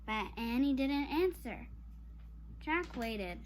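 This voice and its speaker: Reading slowly and expressively in a high-pitched voice, a child shares a children's chapter book with online viewers. The delivery is informal, and the child apologizes and talks directly to the audience. There's noise in the background.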